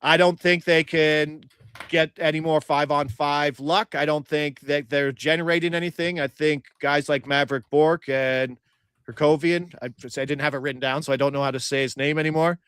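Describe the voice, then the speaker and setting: Young male host, feisty and combative, rattles off stats, slightly high voice, dry close sound. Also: fairly even intonation, fairly bright tone, clear, resonant tone, no room sound. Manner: feisty, argumentative, rapid-fire stats. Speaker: sports betting host. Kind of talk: casual sports betting chat.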